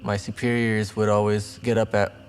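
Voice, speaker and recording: In a documentary interview with soft background music, a young Texan Navy veteran in his twenties speaks earnestly at normal speed. His voice is on the low side and level, and he makes small restarts.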